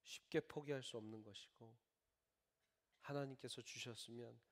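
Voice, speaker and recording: A male pastor preaching a sermon, lively and acting out little scenes of dialogue in different voices. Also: medium pitch, normal speed. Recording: long reverb of a large church hall.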